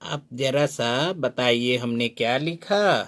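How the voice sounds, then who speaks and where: A man teaching a spoken lesson, sounding out syllables slowly and drawing them out, asking the learner questions as he goes. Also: medium pitch, fairly bright tone. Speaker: Hindi teacher. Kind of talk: slow spoken lesson at a board.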